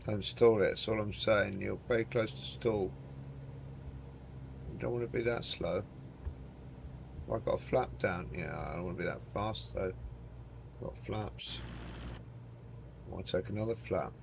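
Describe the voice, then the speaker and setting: A man with a lowish, unhurried voice, marked by vocal fry and long pauses, streams a flight simulator game. He thinks aloud to himself and his chat, joking and swearing in casual live commentary. Loud engine noise from the game fills the recording.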